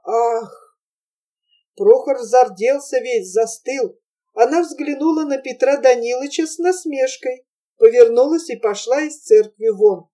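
A woman reads a literary novel aloud with measured, expressive storytelling. Her voice is mellow and warm, and it sits a little high for a woman. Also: recorded from a distance. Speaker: narrator. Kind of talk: literary audiobook narration.

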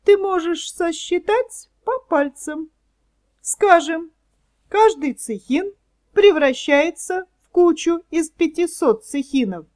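A woman voicing a sly, scheming fox swindler in a storybook reading, talking smoothly and persuasively. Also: extremely high pitch, lively intonation, slow pace, darkish tone, voice pushed up, full character voice. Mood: coaxing.

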